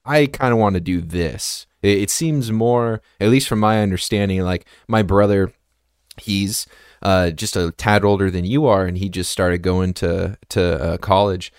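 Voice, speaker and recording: A man's voice: low voice, clean tone, no room sound, studio quality. Chatty young man hosting a podcast. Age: 20s. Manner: chatty, filler-heavy, quick to laugh. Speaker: podcast host. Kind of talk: casual interview chat.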